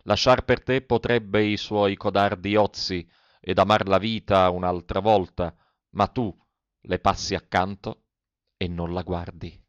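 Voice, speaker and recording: A man giving a dramatic poetry recitation, declaiming with slow, solemn pauses. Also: low voice, steady tone, no echo. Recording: dull lo-fi recording.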